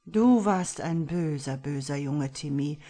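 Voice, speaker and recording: A woman voicing a calm, cruel demonic male killer who taunts his victim slowly and mockingly. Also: low voice.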